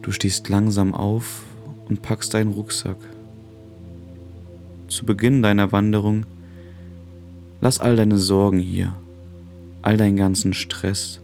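A man narrating a guided relaxation in a calm, gentle, soothing way, with long pauses. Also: on the low side, faint music behind. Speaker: podcast host.

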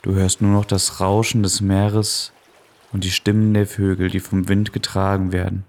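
A man softly and calmly narrating a guided meditation in a soothing manner, as the host of a relaxation podcast. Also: sits low, moderate pace.

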